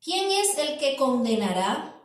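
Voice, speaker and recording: A woman's voice: high-pitched, big pitch swings, slow pace. A woman preacher giving an evening sermon in church, stressing key words and asking rhetorical questions, with a hall's echo heard from a distance. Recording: echoey church hall from far off.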